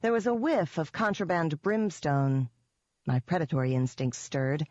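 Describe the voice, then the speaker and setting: A woman's voice: sits low, moderate pace, darkish tone, dry recording. Wry, sardonic woman narrator, first-person audiobook, dry and dull-sounding mic.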